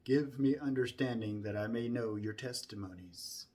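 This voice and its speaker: A man with a medium-pitched voice recites scripture from memory, solemn and deliberate, hitting the start of each phrase with emphasis and softening toward its close.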